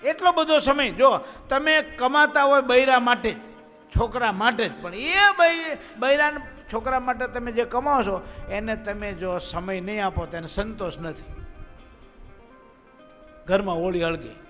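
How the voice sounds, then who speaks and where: A man's voice: extremely high pitch, measured pace, sharp tone. A man preaching a festival sermon, telling stories with rising and falling emphasis. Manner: storytelling, rising and dropping emphasis. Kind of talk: sermon with anecdotes. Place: temple festival hall. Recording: long hall reverb, faint music behind.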